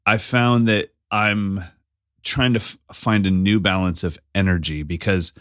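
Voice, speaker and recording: A man co-hosting a podcast in casual chat, an animated storyteller who acts out the lines he quotes. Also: low-pitched, measured pace, clean tone, no echo, studio quality. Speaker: podcast co-host.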